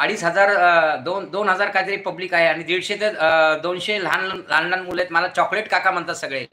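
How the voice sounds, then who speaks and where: A man's voice: high-pitched, reverberant. A middle-aged man hosting a casual live stream at home, reading viewer comments aloud and greeting each viewer by name. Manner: chatty, greets viewers by name, thanks them warmly. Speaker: YouTube live-stream host. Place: home room beside his front door.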